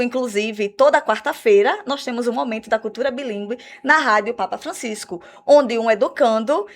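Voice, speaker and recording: In a radio interview, a woman with a Brazilian Portuguese accent and a voice on the high side explains her school's program as an English teacher. She's measured and explanatory, repeating words and filling her speech with "né?" tags.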